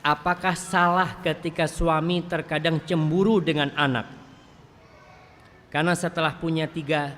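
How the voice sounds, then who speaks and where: A male Islamic preacher answering congregation questions in a lively, joking sermon style, often rising high when teasing the audience. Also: normal speed, slight background noise. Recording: reverberant hall with faint ambience.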